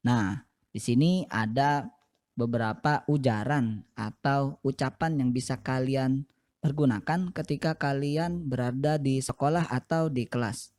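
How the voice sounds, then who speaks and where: Male English teacher with an Indonesian accent, unhurried delivery, mid-range voice, models each phrase twice. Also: mid-range voice, darkish tone. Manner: repeats each phrase slowly to model pronunciation. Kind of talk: classroom-style language lesson.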